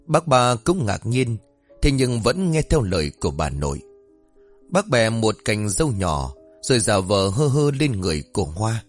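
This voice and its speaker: Guy reading a ghost story, steady dramatic narration, faint music under it. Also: fairly low pitch, moderate pace.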